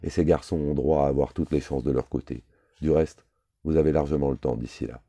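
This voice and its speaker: A man voicing a gruff older boss who gives curt, brisk orders. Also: rumbling low, steady tone, mellow, dry recording, dull audio, full character voice. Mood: commanding.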